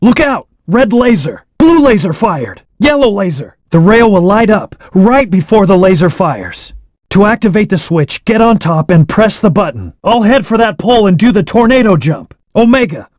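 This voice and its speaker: A man's voice: high voice, very animated, normal speed, a little mellow, no echo, studio quality. An actor playing a brooding young male hedgehog, a cool, proud antihero who speaks in terse, self-assured commands. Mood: urgent. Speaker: video game character. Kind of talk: studio game voice acting.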